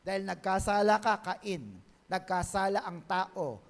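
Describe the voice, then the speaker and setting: A male pastor with a Filipino accent, preaching a Bible-teaching sermon and mixing Tagalog with English. He often asks the church for an amen and draws key phrases out slowly. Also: high voice, expressive. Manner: mixes Tagalog and English, calls for amens, stretches key words slowly.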